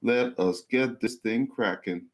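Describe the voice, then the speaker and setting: A man's voice: mid-range voice, takes it slowly. A man hosts his channel live, his voice coming through livestream microphone audio. He rambles casually with frequent ums and restarts, sounding apologetic and chatty. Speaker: channel host.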